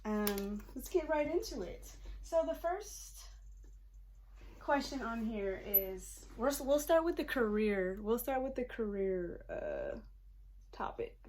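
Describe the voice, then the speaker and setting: A woman in her twenties, a hairstylist, chatting casually and laughing easily while she does her makeup on camera. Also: on the high side. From Pacific Northwest of the US. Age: 20s. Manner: relaxed and chatty, laughs often, lots of fillers. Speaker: hairstylist and vlogger.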